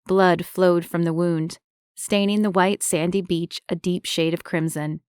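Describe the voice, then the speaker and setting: A woman narrating a romance audiobook in a steady, even storytelling manner. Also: on the low side, measured pace, clear, resonant tone, no echo, studio quality. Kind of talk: scripted narration.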